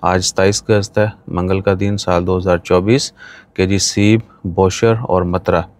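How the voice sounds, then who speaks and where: A man's voice: low voice, little pitch movement, a little slow, darkish tone. A man, chatting to the camera from a parked car. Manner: chatty, gestures with his hand. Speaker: vlogger. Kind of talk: casual talk to camera. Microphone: phone on dashboard.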